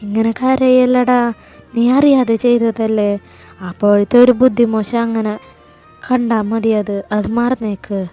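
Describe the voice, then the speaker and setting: A woman's voice: fairly high pitch, steady tone, measured pace, dark tone, soft background music, natural voice. A woman voicing a protective young man who scolds and comforts in a story reading. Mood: soothing.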